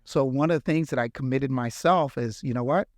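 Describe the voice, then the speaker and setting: In this interview conversation, a middle-aged healthcare executive from the Bahamas responds with sincere, thoughtful storytelling. He speaks briskly at a medium pitch, captured in studio quality without any echo.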